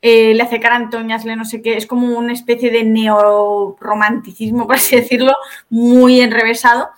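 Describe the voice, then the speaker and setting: A woman's voice: fairly high pitch, level tone, moderate pace. A woman with a Spain Spanish accent, a video creator explaining her points one by one as a podcast guest. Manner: explanatory, methodical, lays out points. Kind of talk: podcast conversation.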